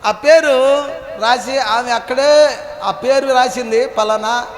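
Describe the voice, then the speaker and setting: A man's voice: extremely high pitch, slow. A man pastor preaching a sermon in a church hall, telling humorous stories and calling on the congregation to answer him aloud. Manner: calls on the congregation to answer aloud, animated and playful. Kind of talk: Telugu sermon with humorous storytelling. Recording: echoey hall with long reverb.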